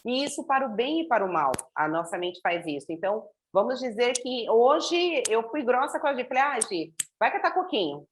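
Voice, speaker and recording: A woman's voice: fairly high pitch, lively intonation, brisk, few pauses, slight background noise. A woman speaking thoughtfully in a casual conversation, explaining her ideas step by step. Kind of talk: casual reflective chat.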